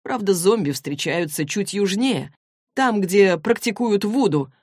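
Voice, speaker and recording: A woman voicing a cool, self-assured young man in an audiobook, with a calm, slow, slightly lowered delivery. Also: no echo, clean studio sound. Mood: cool, unbothered. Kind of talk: audiobook character voice.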